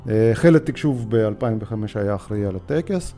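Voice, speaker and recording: A man in his forties with a Russian accent tells his own story as a podcast guest. His voice is mellow and warm, and he speaks haltingly, often pausing on filler sounds. Faint music plays underneath. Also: lowish voice, animated. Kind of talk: personal storytelling.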